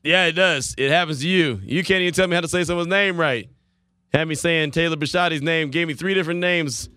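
A man's voice: fairly high pitch, fairly quick, pushed and bright, smooth, dry recording, clean studio sound. A man hosting a sports talk radio show, chatting casually, repeating himself and laughing easily. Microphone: studio microphone.

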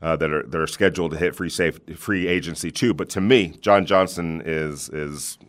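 A man hosting a sports call-in show, giving unscripted commentary in hesitant, measured phrases with many pauses. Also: a bass voice.

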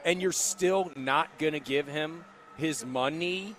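A man's voice: a little high, slow. Enthusiastic male sports radio co-host. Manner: enthusiastic, animated. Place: casino sportsbook studio.

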